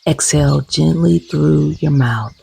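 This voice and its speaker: A woman with a deep voice leads a guided meditation, gentle and soothing. Her tones are soft, breathy and husky, and she leaves long, unhurried pauses.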